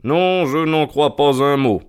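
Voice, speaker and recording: A man reading an audiobook, voicing a cunning middle-aged detective who talks calmly and stubbornly in a teasing way. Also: a little high, slow, clean tone, voice pushed up.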